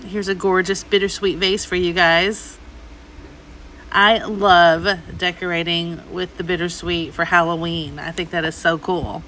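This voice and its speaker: Inside an antique mall, a middle-aged woman who resells antiques hosts a chatty shopping vlog, gushing over each item she examines. Her voice is lowish, flat, unhurried, and fairly bright, and the poor audio carries a slight hiss or hum.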